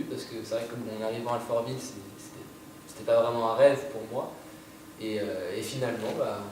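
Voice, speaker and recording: A young man, a student, hesitantly telling how he found an amateur theatre workshop, with many fillers. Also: lowish voice. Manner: hesitant, repeats words and fillers. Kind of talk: casual spoken account. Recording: echoey room, far from mic, noise.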